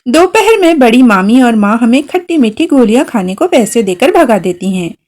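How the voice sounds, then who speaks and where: A woman's voice: on the high side, normal speed. A woman reading a literary short story aloud, telling it expressively as a young girl thinking to herself. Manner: expressive, voicing a young girl's first-person thoughts. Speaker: story narrator.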